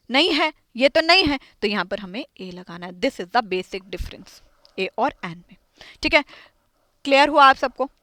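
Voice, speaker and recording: A woman's voice: high voice, pushed and bright, no echo. A woman teaching an English grammar lesson, quizzing her students and repeating each point. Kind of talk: classroom lesson.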